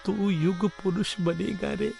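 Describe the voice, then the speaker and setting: A man voicing an aging, loving guru who speaks slowly and tenderly to his disciple. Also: high voice, fairly even intonation, gravelly, a little mellow, faint music behind, exaggerated voice. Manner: tender, slow, fatherly.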